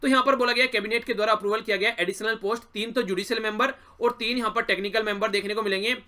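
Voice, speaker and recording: A young male teacher with a high, bright voice runs through the day's news for exam students at a quick clip. He talks chattily, encouraging and addressing viewers directly. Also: fairly even intonation. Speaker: current affairs teacher. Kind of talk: exam-prep news lesson.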